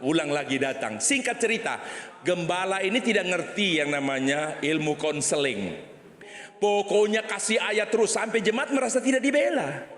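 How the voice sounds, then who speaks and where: A man's voice: sits high, moderate pace. A man preaching a sermon in a church, telling stories animatedly and acting out the voices. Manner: animated storytelling, acts out voices. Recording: echoey church hall.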